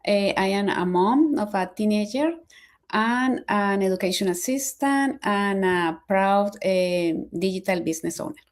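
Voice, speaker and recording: A woman's voice: mid-range voice, lively intonation, measured pace. Woman from Colombia with "eh" fillers. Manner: short phrases with "eh" fillers. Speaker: panelist.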